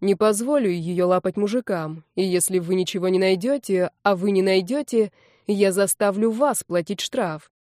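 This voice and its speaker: A woman's voice: mid-range voice, normal speed, no echo, studio quality, lightly acted. A woman voicing a burly young man who speaks firmly and protectively. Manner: firm, steady.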